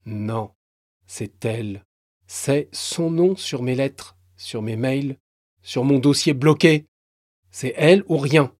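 A man voicing an exhausted, desperate man who speaks in quiet, clipped, stubborn phrases. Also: on the low side, slow, dry recording, clean studio sound.

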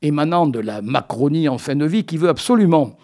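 A man's voice: fairly high pitch, lively intonation, a little fast, darkish tone. A man in a radio studio delivering a comic radio chronicle in a playful, teasing, mock-solemn way. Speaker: radio columnist.

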